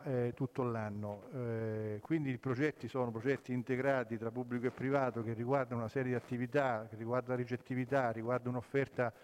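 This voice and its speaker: Man, speaking through a face mask, formal halting council speech, long hall reverb. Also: mid-range voice, smooth. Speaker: local councillor speaking for the administration.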